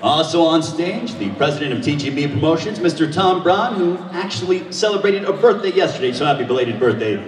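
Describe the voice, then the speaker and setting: High-voiced male boxing announcer in echoing hall. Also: lively intonation, crowd noise. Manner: showman delivery with drawn-out fighter names. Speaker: boxing weigh-in ring announcer. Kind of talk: live sports announcing. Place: large echoing event hall. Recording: echoey hall PA, distant from mic.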